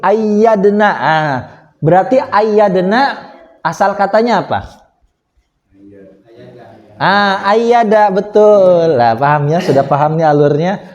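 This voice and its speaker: A male teacher with an Indonesian accent leads a lesson in a small prayer room, speaking slowly and patiently. His voice is fairly high for a man. He keeps putting questions to his students and answering them himself. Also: a little mellow, lo-fi sound. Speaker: Islamic grammar teacher.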